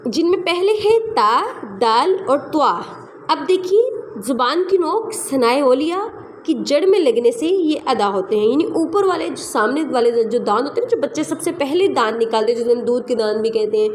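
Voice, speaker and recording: A woman teaching a recitation class online, explaining patiently and repeating sounds and examples slowly. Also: sits high, a little hiss or hum. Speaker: tajweed teacher.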